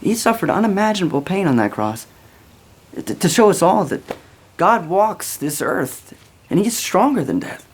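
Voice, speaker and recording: Lady as awestruck disciple guy, husky, stammery, earnest, pitch jumps around. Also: sing-song, moderate pace. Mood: awed. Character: earnest, awestruck male disciple interviewed as eyewitness. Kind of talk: comedy sketch interview acting.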